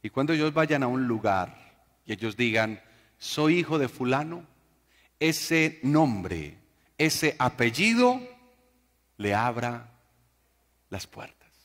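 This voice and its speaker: A man's voice: mid-range voice, very animated, slow, long pauses, a bit bright, long reverb tail. A man preaching a sermon, telling stories and joking with the congregation. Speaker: pastor.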